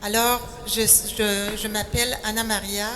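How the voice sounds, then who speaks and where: In a medium-pitched, slightly bright but flat voice, an older woman with a Québécois accent recounts her faith testimony slowly, sentences often starting with "alors". She's from Quebec City, heard in an echoey hall with faint noise.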